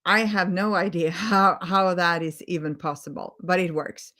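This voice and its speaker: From Sweden, a woman coaching holistic healing addresses her live-stream audience in a soft, sincere way, with a Swedish accent, and repeats words for emphasis. Her low-leaning voice holds a steady tone at a moderate pace.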